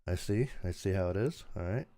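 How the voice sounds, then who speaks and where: An older man hosting a casual livestream, his voice raspy from a recent sore throat, rambling easily and laughing at himself. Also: low-pitched, expressive, brisk, mellow, no room sound, clean studio sound. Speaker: channel host.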